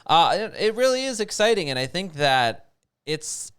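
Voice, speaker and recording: Co-host, New York man, smooth resonant voice, rambling and dry-witted. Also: sits high, big pitch swings, normal speed, a bit bright. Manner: dry wit, rambling, self-correcting. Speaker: podcast co-host. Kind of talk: hockey talk show chat.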